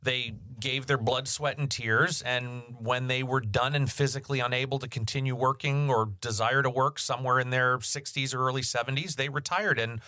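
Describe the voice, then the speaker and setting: A man's voice: medium pitch, steady tone, normal speed, few pauses, bright, forceful tone, no echo, studio quality. A man co-hosting a financial podcast, talking candidly in casual chat with jokey asides. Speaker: podcast co-host.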